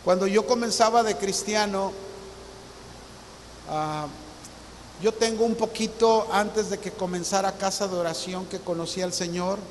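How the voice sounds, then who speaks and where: A pastor around sixty preaches with a notably high voice, telling his story in an earnest, personal way. His words ring out with a long reverb, and a faint hiss sits underneath. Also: measured pace, long pauses. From Mexico. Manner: earnest storytelling, acts out remembered dialogue. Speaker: visiting pastor. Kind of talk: sermon. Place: church hall.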